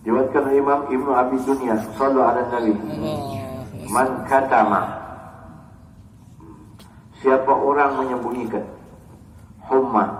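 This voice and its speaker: A man's voice: mid-range voice, distant mic, slight background noise. A man preaching a sermon, telling stories acted quotes, recorded from afar in an echoey hall. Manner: lively storytelling with acted quotes. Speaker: religious teacher. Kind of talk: sermon on a classical book.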